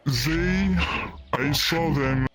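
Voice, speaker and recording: A man's voice: fairly high pitch, fairly bright tone, soft background music. Hesitant man through a voice changer. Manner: halting, full of "uh" and restarts. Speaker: roleplay player in character. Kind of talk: online voice-chat roleplay.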